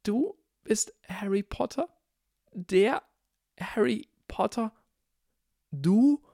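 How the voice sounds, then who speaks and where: A man's voice: sits high, level tone, unhurried, gravelly, darkish tone, dry recording, clean studio sound, voice pushed up. A man voicing a timid, trembling young schoolboy with a tiny voice in a storybook reading.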